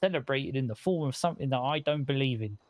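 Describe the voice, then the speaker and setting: Man, mid-range pitch, deadpan and blunt, casual game voice chat. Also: fast talker, dry recording. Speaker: role-play player.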